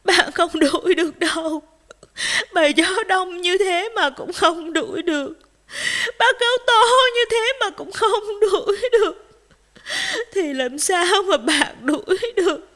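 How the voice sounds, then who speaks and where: A woman doing a gentle little rabbit. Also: high-pitched, animated, moderate pace. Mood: tearful. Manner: soft, polite, tearful. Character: small gentle rabbit, kind and easily upset.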